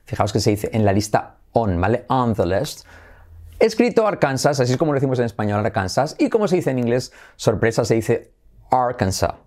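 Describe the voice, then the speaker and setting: A man's voice: medium pitch, sing-song, fairly quick, a little mellow. A man with a Spain Spanish accent, teaching English pronunciation in an upbeat online lesson. He repeats words for drilling and drops in English phrases.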